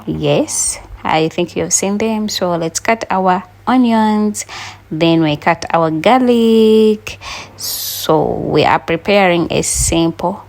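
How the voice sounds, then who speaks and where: A woman's voice: on the low side, slow pace, darkish tone. A woman from Uganda with a Ugandan accent, chatting to her viewers as she cooks breakfast in a casual vlog. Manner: chatty, talks to viewers while cooking. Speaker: cooking vlogger.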